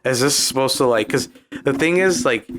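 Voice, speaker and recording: A man's voice: mid-range voice, normal speed, fairly bright tone. A young man with a Californian accent, co-hosting a casual podcast and retelling a video in a rambling way full of "like". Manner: rambling, filler-heavy retelling with lots of "like". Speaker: podcast co-host. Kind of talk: casual chat.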